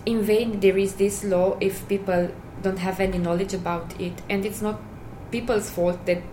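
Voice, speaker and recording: Young Romanian-accented woman guest, mid-pitched, earnest and careful, on a recording with clear background noise. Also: steady tone, normal speed. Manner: earnest, careful, with small restarts. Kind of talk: casual interview talk.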